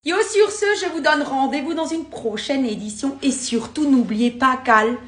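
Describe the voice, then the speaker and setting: Woman, thirties, high voice, comedic lesson delivery, animated and emphatic, roomy echo. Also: moderate pace. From Alsace, France. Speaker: content creator. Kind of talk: comedic dialect lesson to camera. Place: home kitchen, indoors. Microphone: phone at arm's length. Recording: echoey room, phone recording.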